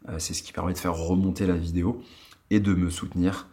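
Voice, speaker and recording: Recorded in a countryside attic, a Frenchman in his late thirties hosts a watch vlog, chatting casually to viewers. His low, dark voice moves little in pitch and comes out fast, rambling with plenty of fillers and restarts.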